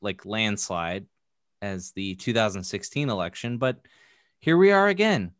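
A man co-hosts a casual podcast, hesitating and restarting before making his point with force. His pitch rises and falls in a lively, animated way. The recording is dry and close. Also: unhurried, dry recording. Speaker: podcast co-host. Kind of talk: casual political chat.

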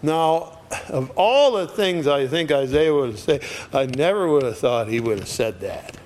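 A man's voice: on the high side, animated, unhurried, a little mellow, slight background noise. An older man preaching a sermon in a conversational way, sometimes acting out quoted voices with drama.

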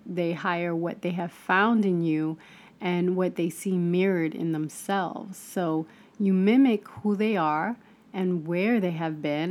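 Woman, somewhat low pitch, casual motivational talk, spiritual self-help, lots of ums and restarts. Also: darkish tone. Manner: conversational, with many fillers and restarts.

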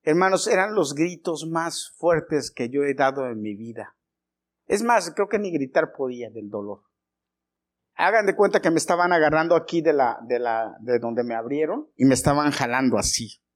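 A male pastor with a somewhat high voice delivers a storytelling sermon. He speaks straight to the congregation, calling them brothers, and builds into emphatic, forceful preaching. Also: animated, normal speed. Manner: personal anecdote, addresses congregation as brothers, grows forceful and emphatic.

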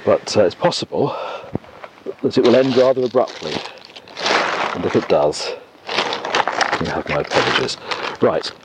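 A deep-voiced man with a sing-song delivery muses aloud for his casual solo podcast while walking outdoors near an oak tree in the countryside. He speaks at a moderate pace, pausing often, unhurried and thinking aloud. A portable cassette recorder captured him, along with background noise and clicks.

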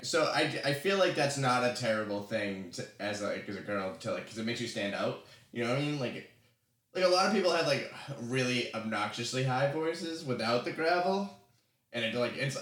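A man's voice: medium pitch, animated, fairly quick, fairly bright tone. A young man co-hosting a podcast, joking around and swearing casually as he chats. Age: young adult. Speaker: podcast co-host. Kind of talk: casual chat. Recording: roomy echo.

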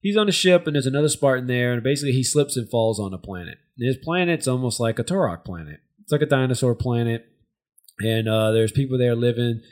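A man's voice: mid-range voice, fast talker, darkish tone. An American man hosting a casual discussion, recapping in a rambling, hesitant way as he searches for words. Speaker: podcast host.

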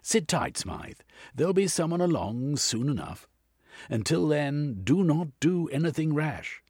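A man putting on a pompous Victorian gentleman. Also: a little high, lively intonation, slightly rough, no echo, studio quality, pitched above the performer's own voice. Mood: commanding. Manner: pompous, brisk upper-class commands. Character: eccentric posh Victorian gentleman adventurer.

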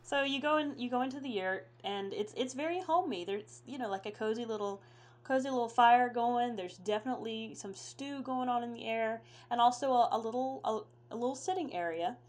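A woman game master describing scenes in a loose, casual way, full of ums and restarts. Her voice sits a little high. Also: fairly quick. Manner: casual, many fillers. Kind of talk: narrating a tabletop game.

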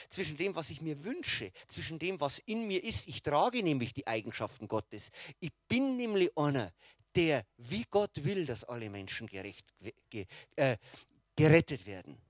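A man's voice: a little high, no room sound. A man preaching a sermon in a conversational way, often checking in with his listeners and restarting his phrases.

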